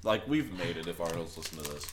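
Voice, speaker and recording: A man's voice: deep voice, lively intonation, fast talker, noisy background. A man co-hosting a podcast in loose, enthusiastic casual chat. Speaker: podcast co-host.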